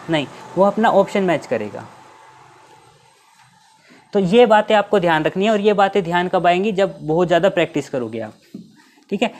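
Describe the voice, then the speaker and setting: A male teacher giving an exam-prep math lesson, explaining each step and asking his students rhetorical questions. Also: high-pitched. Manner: reads English questions slowly, mixing Hindi and English.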